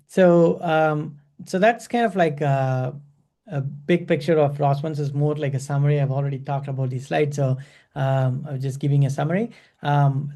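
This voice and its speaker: A man leading an online class over a video call. His voice is gravelly and mellow and sits a bit high for a man. He talks in a halting way, full of fillers and restarts. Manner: hesitant, many fillers and restarts. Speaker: instructor.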